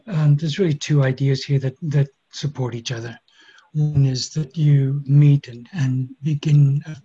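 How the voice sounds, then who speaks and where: A man acting as a mediator, calmly paraphrasing what each side says, with many pauses and fillers, on a dull lo-fi recording. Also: medium pitch, slightly rough. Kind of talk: guided mediation dialogue.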